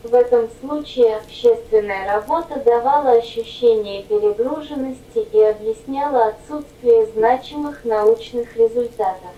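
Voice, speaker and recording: A female text-to-speech robot voice reading autobiographical notes in an even, mechanical way. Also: fairly high pitch, moderate pace, hardly any pauses, reverberant, recorded from a distance, highs cut off.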